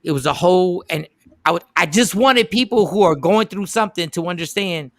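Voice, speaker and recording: A radio show host telling a story casually, with emphatic repeats and quoted voices. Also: male voice, high-pitched, fairly quick, a bit bright, no echo, studio quality.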